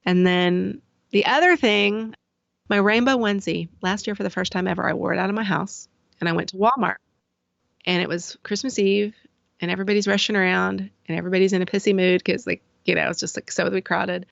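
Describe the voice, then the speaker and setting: A woman's voice: mid-range voice, fairly even intonation, brisk, vocal fry, no echo, dull audio. A woman hoop instructor casually telling rambling stories, chatty and laughing at herself. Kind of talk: casual anecdotal storytelling.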